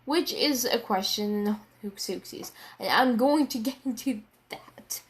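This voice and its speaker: A woman's voice: on the high side, a little slow. A young woman reviewing a manga chapter in a casual, rambling way, getting worked up, swearing and repeating herself.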